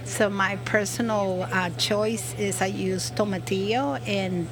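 A woman working as a live interpreter voice, putting a Spanish speaker's words into English in a halting way, with fillers and restarts. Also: mid-range voice, steady tone, rough recording. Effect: live interpreter voice, rendering a Spanish speaker's words into English. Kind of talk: consecutive spoken interpretation.

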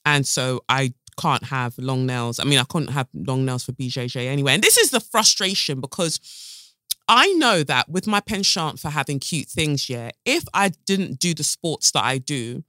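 A woman's voice: extremely low pitch, expressive, normal speed, bright, forceful tone, no echo, studio quality. Woman talking through dental retainers. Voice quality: slightly impeded speech from wearing dental retainers. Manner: playful, slangy, emphatic, breaking off into asides. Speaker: podcast host. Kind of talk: casual solo podcast chat.

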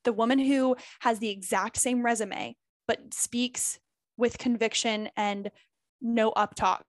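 A former group fitness instructor, a woman with a fairly high voice and fairly even intonation, speaks slowly in studio-quality audio with no room sound. As a guest in a casual interview, she talks candidly and emphatically, swearing freely to make her points.

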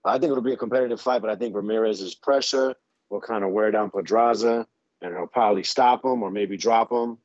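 A man calling in to a show over a bluetooth headset mic that keeps breaking up, talking casually with plenty of halting fillers. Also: fairly low pitch, dry recording. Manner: halting, filler-heavy, says "man" a lot. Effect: bluetooth headset mic cutting in and out. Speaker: caller. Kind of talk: casual call-in fight talk. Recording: muffled dry bluetooth call audio.

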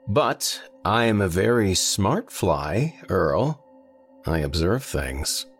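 A man's voice: sits low, sing-song, takes it slowly, slightly rough, faint music behind, pitched above the performer's own voice, full character voice. A man voicing an arrogant talking green fly in a spoken story, with a needling manner. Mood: smug.

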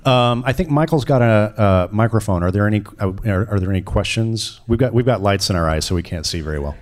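A man moderating a live panel question session, speaking in a halting way. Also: fairly low pitch.

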